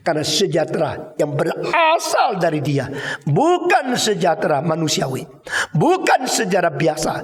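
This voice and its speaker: An older man preaching a sermon as pastor, slow and deliberate, stressing each phrase and repeatedly addressing his listeners. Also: a little high, roomy sound.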